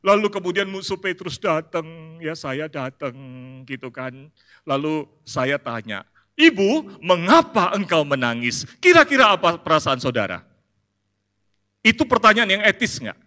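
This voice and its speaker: A man preaches in a fairly high, bright, ringing voice. He is playful and animated, climbing to loud emphatic peaks and dropping into soft asides. The sound carries a long reverb from a large church hall. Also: moderate pace. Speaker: pastor. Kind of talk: sermon.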